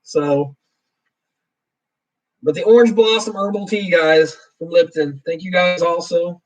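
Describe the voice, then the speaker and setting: Hosting a relaxed live Q&A, a man with a slightly high voice talks in an unhurried, rambling way, stopping to read viewers' comments out loud and chuckling a lot. The mic is distant, leaving him set back in a muffled recording.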